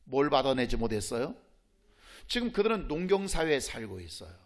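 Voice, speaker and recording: A male pastor preaching a sermon with passion. He asks rhetorical questions, repeats his pleas, and swings from hushed asides to shouting. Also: medium pitch, big pitch swings, brisk.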